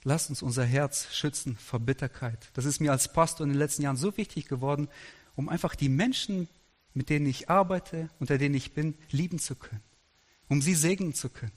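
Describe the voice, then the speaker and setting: A man's voice: a little high, a little fast. Man preaching in a reverberant hall. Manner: lively anecdotal preaching with quoted dialogue. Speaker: pastor. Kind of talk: sermon storytelling.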